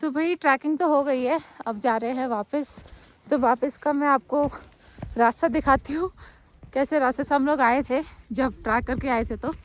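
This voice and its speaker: Filming on her phone atop a windy peak, a young travel vlogger chats away in a high-pitched voice at an even pace, with a faint hiss or hum in the audio. Her outdoor narration is casual and upbeat, and she keeps poking fun at her friends.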